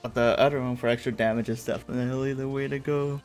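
Fast-talking and steady in tone, this man's mid-range voice has a darkish quality. He's in his thirties, from California, USA, and laughs frequently while giving casual commentary on a game he's streaming from his home room, with faint game music in the background.

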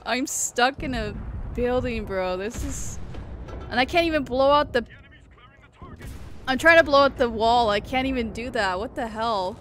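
Woman, high-pitched, bright, unhurried delivery, giggly gameplay commentary. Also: faint music behind. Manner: giggly, exclamatory, amused. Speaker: gaming channel host. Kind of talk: laughing live gameplay commentary.

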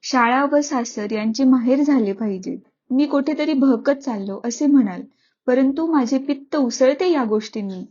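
A woman's voice: high voice, normal speed, darkish tone, lo-fi sound. A woman reading a story aloud as narrator, in an earnest and reflective way.

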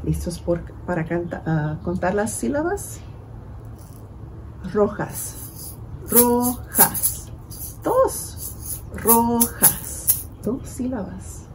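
A woman leading a bilingual children's storytime, switching between English and Spanish and drawing out words slowly to count syllables. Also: on the low side, very animated, background noise. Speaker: children's librarian. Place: library.

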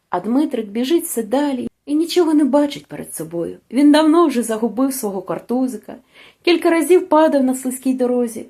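Soft-toned woman reading a sad story. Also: fairly high pitch, breathy edge. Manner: emotional, rising and falling with the story. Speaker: audiobook narrator. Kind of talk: expressive literary story reading.

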